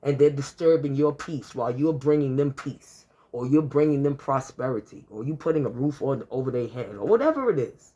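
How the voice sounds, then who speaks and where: In a muffled recording, a vlogger in their fifties rattles off casual life advice to camera, brisk and expressive with barely a pause. The mid-range voice is mellow, and the delivery is chatty and repetitive, sprinkled with "you know" and strings of examples.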